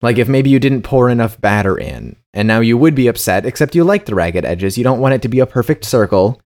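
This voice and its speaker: A man's voice: medium pitch, big pitch swings, a little fast, darkish tone. A man co-hosting a casual comedy podcast, playful and mock-serious, reading food news and stumbling over tongue twisters. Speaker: podcast co-host.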